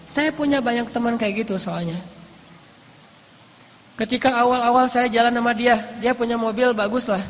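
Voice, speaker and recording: Male preacher, casual storytelling sermon, long hall reverb, faint background hiss. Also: high-pitched. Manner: conversational storytelling, rising into emphatic peaks and dropping to hushed lines.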